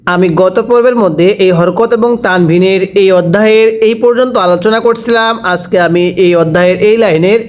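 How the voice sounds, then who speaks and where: Man, high voice, recitation teacher, slow letter-by-letter spelling, repetitive drilling, asks viewers to read along. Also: darkish tone. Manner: slow, drawn-out spelling of each letter and vowel; repeats and urges viewers to read along aloud. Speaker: Quran reading teacher.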